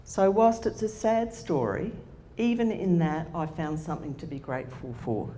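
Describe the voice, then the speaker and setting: An Australian woman in her sixties, speaking at a conference, tells a candid personal story to an audience in a plain-spoken way. Her deep, mellow voice comes through a handheld microphone in an echoey conference hall with faint noise.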